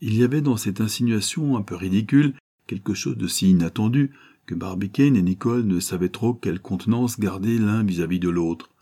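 A man narrates a classic adventure novel at a measured, even pace. His voice sits low and mellow, with a husky grain that softens every line. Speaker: audiobook narrator.

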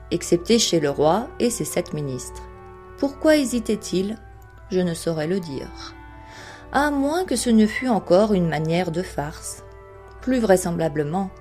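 A woman with a fairly low voice narrates a classic tale at a measured pace. Her storytelling is expressive and steady, and faint music plays softly in the background. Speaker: audiobook narrator. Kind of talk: literary audiobook narration.

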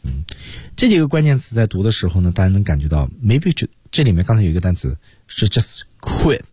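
A man co-hosting a radio English lesson, explaining pronunciation and reading example sentences aloud slowly. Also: deep voice, sing-song, warm tone, breathy edge, no echo, studio quality. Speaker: English teacher, radio co-host.

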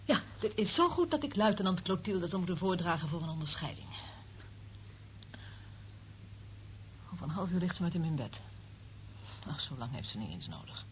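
This radio play features an actress as a cynical, gloating female eavesdropper for a secret service, relishing her knowledge with sardonic theatricality. She speaks on the low side, very animated and at a quick pace. Faint noise runs under a narrow, tinny old radio recording.

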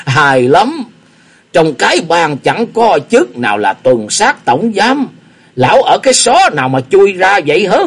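A man doing an eccentric old martial-arts wanderer from a read-aloud wuxia tale. He taunts and scolds at full volume, his husky voice swooping up and down in a lively way. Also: high voice, measured pace, voice pushed up, full character voice. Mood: mocking. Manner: loud, cackling, taunting.

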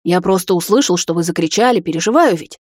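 A woman reading an audiobook, voicing a flustered, doting vampire father who speaks awkwardly and haltingly. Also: on the low side, animated, darkish tone, dry recording, clean studio sound. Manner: awkward and stammering.

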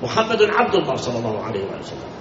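A man's voice: medium pitch, big pitch swings, rapid-fire, noisy background. A man giving a sermon as a cleric, emphatic, repeating key words and asking his listeners questions. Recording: echoey hall, distant mic, lo-fi.

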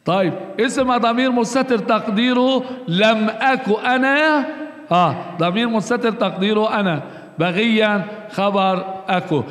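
A man teaching a grammar lesson, explaining slowly and repeating points, posing questions and answering them himself. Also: high voice, fairly bright tone. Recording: long reverb, roomy hall.

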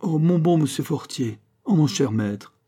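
A man's voice: medium pitch, normal speed, dark tone, pitched above the performer's own voice, close to an everyday voice. A man voicing a clumsy teenage schoolboy who pleads and whines with his teacher, in an audiobook. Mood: pitiful. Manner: pleading, whining.

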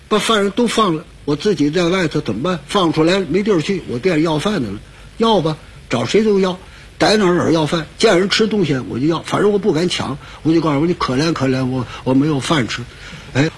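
Husky man telling a comic monologue. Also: sits high. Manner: plain, conversational delivery with many repeats and restarts. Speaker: comic storyteller. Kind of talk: solo crosstalk storytelling.

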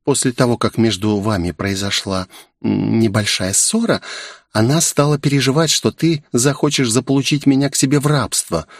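A man voicing a shy, clingy young woman in an audiobook, speaking in a soft, pleading, raised voice. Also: medium pitch, normal speed, no echo, clean studio sound, lightly acted. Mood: confiding.

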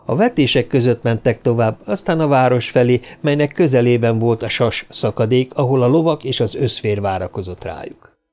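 A man reading an audiobook in a steady, measured storytelling manner. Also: mid-range voice. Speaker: audiobook narrator. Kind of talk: scripted narration.

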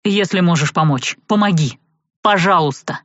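A woman's voice: on the low side, normal speed, a bit bright, dry recording, lightly acted. A desperate young man, read by a woman in an audiobook, pleading breathlessly for help. The recording is dry and slightly dull.

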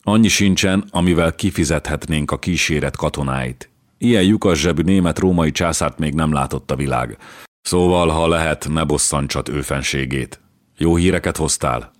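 A man voicing a stooped, thin chancellor who frets and sighs, in an audiobook reading. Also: a bass voice. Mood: fretful. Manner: fretful, sighing.

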